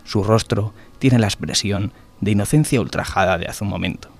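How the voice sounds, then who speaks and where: A man's voice: lowish voice, normal speed, vocal fry. A man reading a story aloud, expressively voicing the characters' lines. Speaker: narrator.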